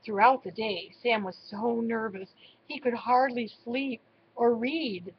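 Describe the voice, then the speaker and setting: A woman reading a children's storybook aloud in a slow, expressive way. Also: a little high, dull audio, a little hiss or hum. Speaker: storybook reader. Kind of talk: read-aloud narration.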